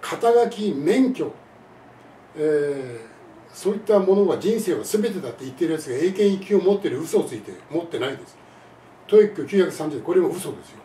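High-voiced guy teaching english, worked up and scornful, sounds far off in a roomy echoey space. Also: big pitch swings, brisk, mellow. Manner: indignant, scornful storytelling. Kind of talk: monologue lesson and complaint to camera. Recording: echoey room, distant mic, faint noise.

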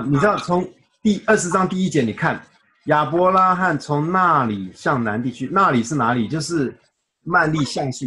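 A man's voice: on the high side, fairly bright tone. A man teaching a casual Bible study, chatty, explaining with everyday examples and acting out quoted dialogue.

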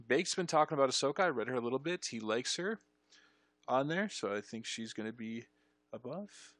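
A young man streaming, reading game ability text aloud and reacting with excited bursts in casual commentary. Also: mid-range voice, no room sound. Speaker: streamer reviewing game ship changes.

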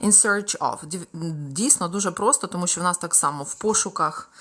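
A young woman with a Ukrainian accent leads a live-streamed English exam-prep lesson in her native Ukrainian. Her voice sits a little low. She switches into English to read example sentences slowly and with care. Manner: lively, reads example sentences aloud slowly. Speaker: English tutor.

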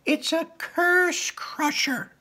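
Man doing a female manticore, high strained voice, insistent, storybook beast. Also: fairly even intonation, drawn-out words, sharp tone, exaggerated voice. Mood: urgent.

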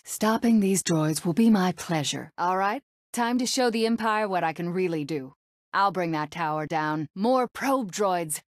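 A woman voicing a brave, sardonic young rebel princess in a video game, with a crisp, resolute and dryly sarcastic manner. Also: on the low side, dry recording, clean studio sound, natural voice.

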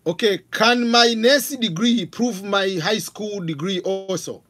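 Hosting a live question-and-answer stream from his home office, a man in his forties from Tanzania reads viewer questions in a high-pitched voice at a measured pace. He has a Tanzanian accent, is animated with lots of gestures, and uses a studio mic on a stand with a pop filter.

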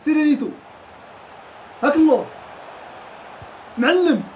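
A woman with a Moroccan Arabic accent giving live gameplay commentary. She is excitable, laughs often and shouts at the game. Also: fairly high pitch, racing, lo-fi sound, a little hiss or hum. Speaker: gaming YouTuber.

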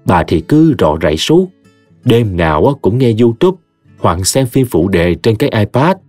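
A man with a Mekong Delta Vietnamese accent tells a funny story, his lowish, husky voice rising and falling with life. He sounds close and dry, with soft music running underneath. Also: big pitch swings, moderate pace, no echo. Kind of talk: humorous story narration.

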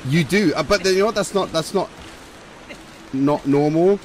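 A man's voice: a little high, moderate pace, noisy background. A man casually commenting as he plays a game on a live stream, chatting with and thanking his viewers. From England. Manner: chatty, reads and thanks chat while playing. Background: game music.

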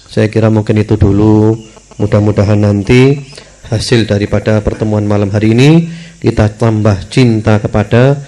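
A man preaching, telling stories with emotion, his voice climbing high and dropping soft. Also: fairly even intonation, normal speed. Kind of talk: sermon.

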